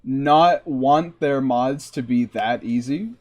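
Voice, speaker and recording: A man's voice: medium pitch, takes it slowly, darkish tone. A man streaming a video game, rambling in casual commentary and swearing at the boss now and then.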